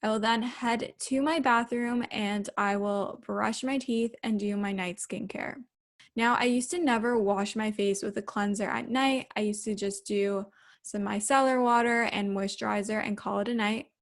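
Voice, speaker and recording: A woman's voice: medium pitch, steady tone, normal speed. A woman casually narrating her daily routine like a lifestyle vlogger, chatty and explanatory.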